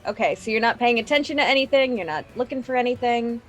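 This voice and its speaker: A woman with a fairly high voice runs the tabletop session in a loose, chatty way. She talks through rolls and scenes casually, scattering filler words as she goes. Faint music plays underneath. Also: quick pace. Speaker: game master. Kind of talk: running a tabletop game.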